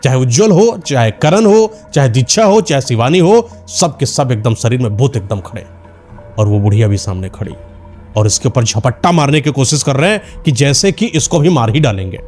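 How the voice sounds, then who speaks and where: A man's voice: mid-range voice, big pitch swings, fairly quick, a little mellow. Male narrator telling a horror tale. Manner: dramatic, suspenseful. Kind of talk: storytelling. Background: background music.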